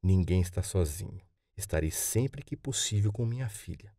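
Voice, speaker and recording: A man voicing a calm, reassuring elderly grandmother, speaking slowly and softly. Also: low voice, no echo, clean studio sound. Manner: slow, soothing. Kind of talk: audiobook character voice.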